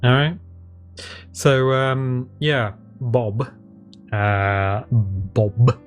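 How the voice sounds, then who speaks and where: Man narrating haltingly, music behind. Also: medium pitch, fairly even intonation. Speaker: game master. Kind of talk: improvised tabletop game narration.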